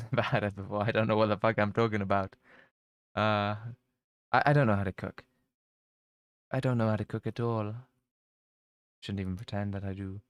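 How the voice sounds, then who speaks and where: Rambling low-voiced man. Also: no echo. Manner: rambling, self-mocking, swears freely. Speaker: streamer. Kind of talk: casual chat.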